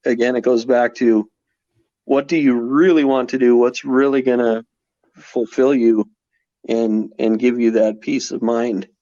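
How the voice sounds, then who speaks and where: A man's voice: medium pitch, steady tone, measured pace, dark tone, no room sound. A man in his forties, a podcast guest in casual conversation, talking reflectively with many restarts and fillers. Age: 40s. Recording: slightly dull podcast audio.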